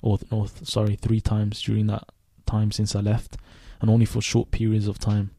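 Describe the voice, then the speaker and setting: Young guy from sweden musing on his own podcast, low even voice, lots of ums and restarts. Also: no echo. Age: 20s. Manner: thoughtful, unhurried, with frequent fillers and restarts. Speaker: podcast host. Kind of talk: reflective solo podcast monologue.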